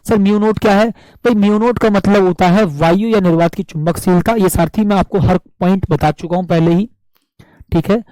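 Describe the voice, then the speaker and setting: A man teaching a live online physics class with a sore throat, speaking slowly and drilling students with repeated questions and answers. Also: sits high, steady tone, mellow, dry recording, rough recording. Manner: asks viewers to comment answers.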